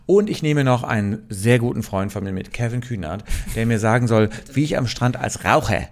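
A man banters through a comedy podcast game, teasing his co-host and cracking up as he goes. His voice sits at an everyday middle pitch. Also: normal speed. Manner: teasing, playful, often laughing mid-sentence.

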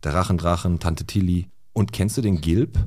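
A man's voice: deep voice, moderate pace, a little mellow. A man co-hosting a podcast in casual chat, rambling and laughing often. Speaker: podcast co-host.

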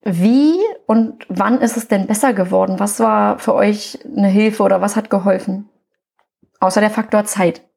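A woman's voice: medium pitch, fairly even intonation, normal speed, gravelly, a little mellow, slightly rough. A woman hosting a podcast interview, asking open questions and giving short affirmations. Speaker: podcast host. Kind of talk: interview host.

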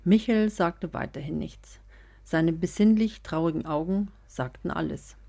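A woman reading a story aloud as narrator, in a steady, measured way. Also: lowish voice, gravelly. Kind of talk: audiobook reading.

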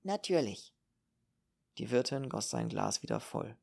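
A man reading an audiobook in a calm, measured narration. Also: medium pitch, gravelly. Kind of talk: scripted narration.

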